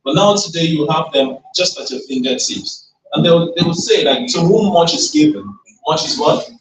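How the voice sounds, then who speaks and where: In a roomy event hall, a man's expressive, somewhat high voice carries from a distance at a moderate pace, with slight background noise. He's giving a rousing motivational talk at a tech event. He uses call-and-response questions to engage the crowd.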